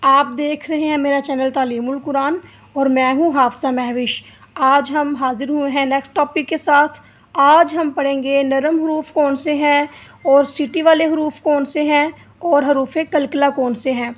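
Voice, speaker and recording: A woman's voice: high voice, fairly even intonation, a little slow. A woman teaching a Quran reading lesson for beginners, patiently explaining each letter and drawing out its sound to demonstrate it. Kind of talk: slow step-by-step lesson.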